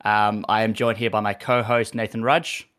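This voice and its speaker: A man hosting a casual podcast, his voice hoarse and half gone. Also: lowish voice, little pitch movement, normal speed, fairly bright tone. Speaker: podcast host.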